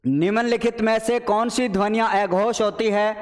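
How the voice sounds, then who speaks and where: A man teaching a playful, animated online Hindi exam class. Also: high-pitched, moderate pace, big-room sound. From Rajasthan. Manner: animated, playful, addresses students as children and brothers. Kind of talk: live online exam paper solution class.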